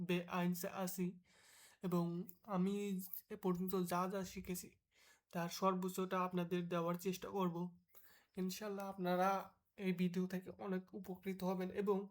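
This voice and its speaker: A German tutor from Bangladesh gives a patient beginner lesson in a fairly low, darkish voice. She goes slowly through the alphabet, drilling one letter at a time so listeners can repeat after her.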